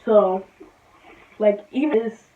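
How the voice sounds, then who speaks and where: A woman's voice: medium pitch, slow pace. A young woman from New Jersey telling a storytime vlog, heated and rambling, often repeating herself. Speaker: vlogger. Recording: roomy, distant, dull sound.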